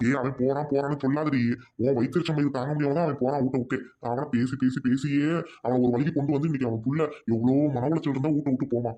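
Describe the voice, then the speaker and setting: A man's voice: mid-range voice, steady tone, fast talker, dark tone, dull audio, lightly acted. A man playing an older husband who angrily rebukes his wife. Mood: angry. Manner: angry, rebuking.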